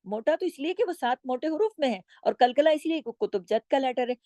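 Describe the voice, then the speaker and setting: A woman teaching Quran recitation rules. She explains patiently, stretches each example word out slowly, and often checks in with her listeners. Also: sits high, lively intonation, warm tone, no echo, studio quality. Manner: draws out words slowly when demonstrating. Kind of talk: recitation lesson with slow demonstrations.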